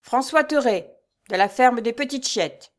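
A brutal, pompous little steward who barks his orders loud and high, as a woman reads him. His voice is forceful and sharp, and every sentence sounds like an order. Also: animated, measured pace. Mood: haughty. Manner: loud, barking, peremptory. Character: short, blustering male steward, harsh. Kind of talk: storybook reading.

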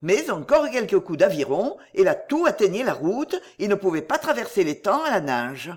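A narrator reading a French adventure tale aloud in an expressive storybook style. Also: mid-range voice, moderate pace. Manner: lively, expressive read-aloud delivery.

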